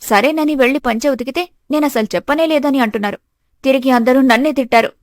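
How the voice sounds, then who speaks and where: Brief: wronged young bride, voiced by a woman, earnest and steady, storybook. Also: high-pitched, fast talker, no room sound, clean studio sound, lightly acted. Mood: pleading. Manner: earnest, pleading.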